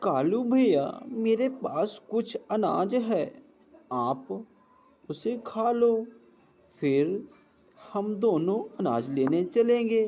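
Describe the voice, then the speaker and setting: Guy doing a soft friendly lil sparrow girl in a cartoon, slow talk. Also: high-pitched, animated, pitched above the performer's own voice, full character voice. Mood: caring. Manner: gentle, friendly. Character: sweet little female sparrow, kind. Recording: dull lo-fi.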